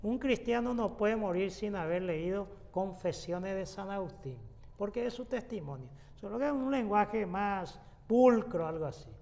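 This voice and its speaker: Higher-voiced man teaching in a reverberant room. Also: lively intonation, vocal fry, darkish tone. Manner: unhurried, explanatory, frequent "eh" fillers and restarts. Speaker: pastor teaching a Bible study. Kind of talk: exegetical Bible teaching.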